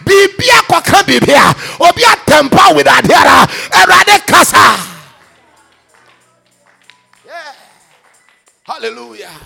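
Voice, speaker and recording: A man, a pastor shouting a fiery sermon and leading chanted prayer. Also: very high-pitched, sing-song, moderate pace, vocal fry, few pauses, soft background music. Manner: shouting, chanting prayer, switching into tongues and local language.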